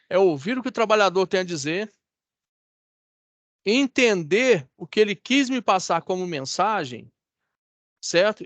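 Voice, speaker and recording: A man's voice: high-pitched, fairly bright tone, dry recording. A man with a Brazilian Portuguese accent teaching an online class over a video call, in a conversational way that keeps checking in with his students. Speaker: course instructor.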